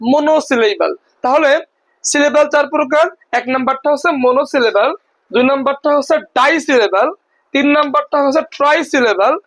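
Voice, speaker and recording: An English teacher giving a spoken lesson to learners, asking a question and then answering it, spelling words out letter by letter and repeating them slowly. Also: sits high, a bit bright, poor audio. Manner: asks and answers own questions, syllable by syllable.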